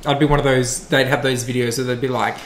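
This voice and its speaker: A woman's voice: a bass voice, fast talker. A woman chatting as a guest, full of jokes and laughter. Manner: joking, laughing, lively banter. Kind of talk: casual chat. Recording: roomy with faint noise.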